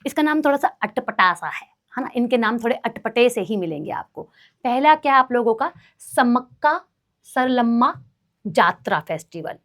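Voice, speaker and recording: A woman with a fairly high voice teaches an online class. She explains each point step by step, mixing English terms into her lecture. She keeps checking in with her students and calls them brother in a chatty, familiar way. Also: animated, moderate pace, a bit bright. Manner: chatty, addresses students as "मेरे भाई".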